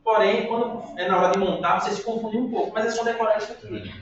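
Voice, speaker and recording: A man's voice: sits high, fairly even intonation, quick pace. A man teaching an English class, upbeat, drilling pronunciation and calling on students by name. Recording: echoey, distant, muffled classroom recording.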